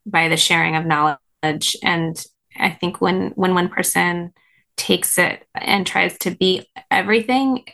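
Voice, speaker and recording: A woman's voice: on the low side, fairly even intonation, measured pace, vocal fry, pushed and bright. A woman guest in an interview, explaining ideas earnestly with many "like" fillers. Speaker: guest, course creator in parent health. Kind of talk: conversational interview.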